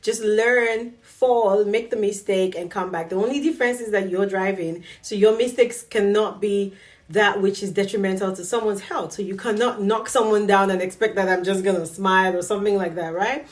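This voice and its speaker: A woman vlogger tells a personal story straight to camera in a relaxed, chatty way. Her voice sits at an ordinary middle pitch, and she laughs often as she acts out what people said to her. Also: brisk, far from the mic.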